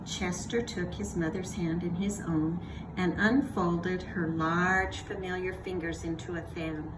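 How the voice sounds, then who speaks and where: A woman narrating a children's story aloud in an expressive read-aloud style. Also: fairly low pitch, unhurried, background noise.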